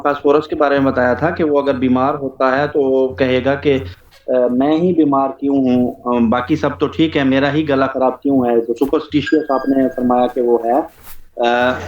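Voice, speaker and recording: A man's voice: a little high, a little mellow, recorded from a distance. A man asking questions in a group discussion, with polite, formal phrasing. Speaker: participant. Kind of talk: casual discussion. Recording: dull echoey sound from afar.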